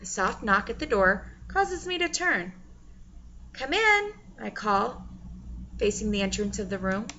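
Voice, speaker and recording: Bright-voiced woman audiobook narrator. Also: mid-range voice, normal speed, dull audio, slight background noise. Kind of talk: first-person audiobook narration.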